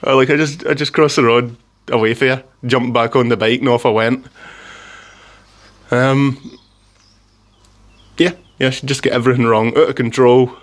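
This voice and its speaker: A man's voice: medium pitch, steady tone, moderate pace, pauses often. A Scottish man telling a rambling story in a casual monologue, with frequent restarts and chuckles. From Scotland.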